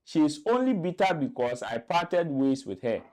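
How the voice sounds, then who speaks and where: A man's voice: a little high, big pitch swings, moderate pace, a little mellow. A man hosting a commentary show, reading out a news story and quotes in an explanatory way, with fillers and restarts.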